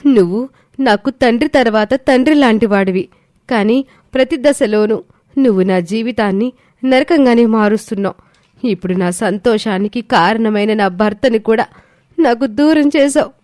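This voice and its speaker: A woman voicing a wronged, gentle young mother in a storybook drama, speaking with a pleading, sorrowful tone. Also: a little high, moderate pace, no room sound, studio quality, close to an everyday voice. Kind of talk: storybook voice acting.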